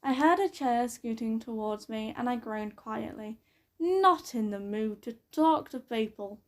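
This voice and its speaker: A woman's voice: a little high, animated, unhurried. A woman reading fan fiction aloud in a casual way, with occasional fillers.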